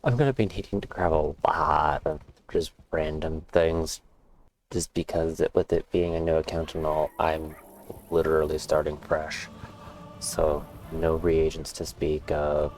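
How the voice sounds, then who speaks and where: A man's voice: extremely low pitch, level tone, measured pace, darkish tone. A man giving casual, rambling, musing commentary as he plays a video game. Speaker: gamer, let's play host. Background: faint game music.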